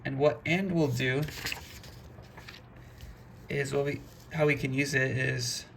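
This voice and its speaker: A man explains code in a loose, conversational tutoring style, walking through each step and dropping the odd "boom." His voice has a gravelly texture with a bright, forward tone, and a faint hiss of room noise sits under it. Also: fairly even intonation, slow pace. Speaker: programming instructor. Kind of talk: casual screen-recorded coding lesson.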